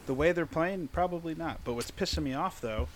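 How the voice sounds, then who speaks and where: A man's voice: fairly high pitch, brisk. A man hosting a casual sports talk, joking and conversational. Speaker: podcast host.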